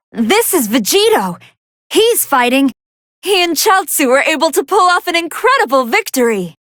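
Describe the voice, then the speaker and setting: High-pitched, polite android scientist commentator Android 21. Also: female voice, no room sound, studio quality, exaggerated voice. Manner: formal, precise, earnest, expressive. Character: polite, soft-hearted female android scientist commentating fights. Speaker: match commentator. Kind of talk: scripted video game fight commentary.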